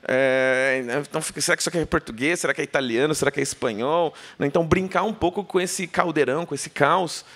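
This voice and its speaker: On a book fair stage in front of an audience, a woman author is interviewed in live conversation. Her low, slightly bright voice moves quickly with few pauses, and she is playful and digressive, often turning to ask the crowd questions.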